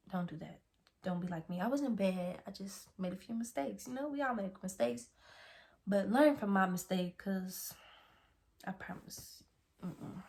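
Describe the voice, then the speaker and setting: A young woman chatting straight to her viewers in a storytime vlog, her pitch sitting in an ordinary middle range. She talks casually and expressively, getting loud when the story heats up and dropping to near whispers for side comments. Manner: animated, swings from loud outbursts to hushed asides. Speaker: vlogger.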